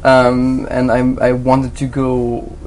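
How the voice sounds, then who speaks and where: A Swiss graphic designer, interviewed as a guest, speaks slowly in a completely flat, slightly mellow voice with a faint rumble, on a rough recording. He's hesitant, with many fillers, restarts and non-native phrasing, giving halting conversational answers.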